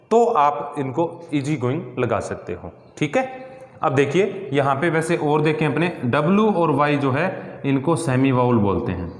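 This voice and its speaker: A male teacher explaining grammar step by step, often checking in with his class and asking rhetorical questions. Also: fairly high pitch. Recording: echoey room with long reverb.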